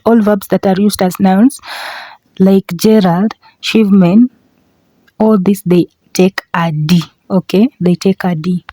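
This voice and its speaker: Female online language tutor. Unhurried, soft-edged tone, instructional, repeats key words. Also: mid-range voice, no room sound, rough recording. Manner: instructional, repeats example words, often checks with "okay?". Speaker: teacher, video host. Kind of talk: language lesson for online video.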